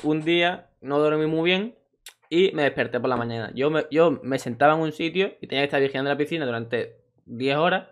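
A man's voice: a little high, fairly quick. A young man with a Spain Spanish accent, casually telling funny anecdotes and acting out the voices of people in them. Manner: jokey, animated, acts out voices in the story. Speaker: streamer and YouTuber.

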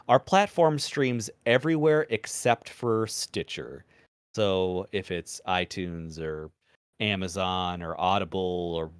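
A former radio man speaks in a low, resonant voice pushed from the diaphragm. His delivery is measured and deliberate even in loose podcast chat, with casual swearing. The recording is dry and close, with no room sound. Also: smooth, dry recording.

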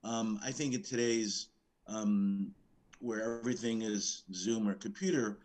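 A man's voice: lowish voice, fairly even intonation, unhurried, darkish tone. A man, a film producer, giving earnest, somewhat rambling advice in an interview.

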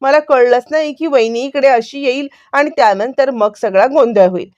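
A woman's voice: high-pitched, moderate pace, no room sound, close to an everyday voice. A woman retelling as a spiteful scheming man. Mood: taunting. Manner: loud, mocking, falsely innocent. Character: scheming spiteful man, taunting his sister-in-law. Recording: dry, slightly dull sound.

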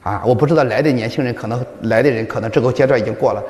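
A man's voice: medium pitch, racing, a little mellow. A man giving a public lecture to an audience, speaking emphatically and firing rhetorical questions at them. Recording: long hall reverb.

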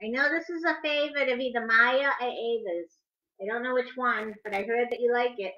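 A middle-aged woman runs a preschool storytime from her home living room, talking and reading aloud in an emphatic, sing-song way. Her voice is fairly high, bright and forceful, and a little fast. It's picked up by a webcam or laptop at arm's length, so the audio is dull and the room echoes.

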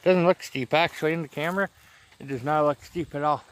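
A tired-sounding man with a fairly high voice talks quickly, co-hosting a dip review channel with crude, rambling banter full of swearing and jokes. He's outdoors on a grassy hilltop, picked up by a camera mic a few steps away, with nature noise in the background.

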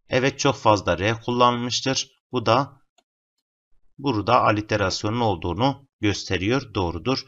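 Addressing his students as friends, this man patiently walks through literature exam questions one step at a time. His voice is mid-range, and the audio is dull.

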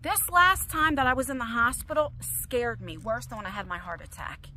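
A middle-aged woman speaks in a confessional vlog with a high, bright, sharp-edged voice. She talks in an emotional, rambling way, often restarting her sentences as she paces. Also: normal speed, slight background noise. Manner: pacing while talking. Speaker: vlogger.

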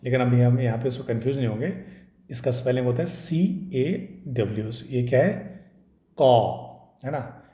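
A man giving an English pronunciation lesson in Hindi, repeating each word slowly and asking and answering his own questions. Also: mid-range voice, dark tone, echoey room.

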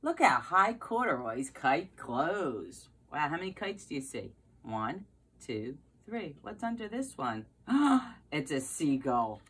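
A middle-aged woman with a low, slightly rough voice reads a children's picture book aloud, unhurried but very animated, tossing exclamations and questions at small listeners. She sounds like a preschool teacher. It was recorded on a phone indoors, in a carpeted basement room at home.

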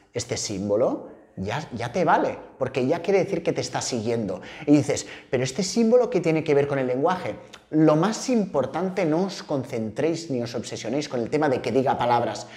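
A man, hosting a casual video lesson to camera in a playful, lively way. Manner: lively, playful, jumps to high excited pitch. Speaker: host and language teacher.

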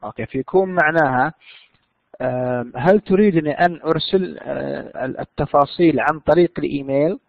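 A male teacher explains an English lesson, pausing often on fillers. His voice is gravelly and a bit high. The recording sounds tinny and phone-like, and dry. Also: no room sound. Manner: explains in Arabic with frequent fillers. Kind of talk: bilingual classroom lesson.

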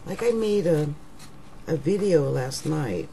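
Her voice is gravelly, rough and raggedy but low and mellow, with lively intonation: a middle-aged astrologer musing aloud to a webcam at her desk at home. She talks slowly and casually in the living room, often trailing into near-whispers, a faint hum audible behind her.

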